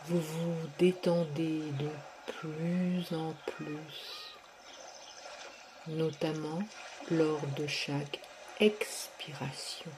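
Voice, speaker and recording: A woman leading a guided sophrology relaxation, speaking softly and drawing out her words with long pauses. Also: low voice, level tone, background noise. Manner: slow, soft, drawn-out delivery with long pauses.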